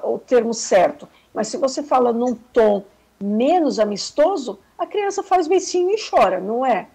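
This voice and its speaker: A woman shares a motherhood story in a relaxed, reflective way over a video call. Her voice is husky and mellow, sitting slightly high in her range. She speaks gently and takes her time. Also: low-quality recording. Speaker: guest mother. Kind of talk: casual chat.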